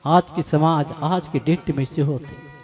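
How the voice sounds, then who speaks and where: A man's voice: on the high side, steady tone, unhurried, darkish tone, faint music behind. A man with a Chhattisgarhi accent preaching a devotional sermon in story form, emotional and rising to impassioned outcries. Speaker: Ramayana preacher.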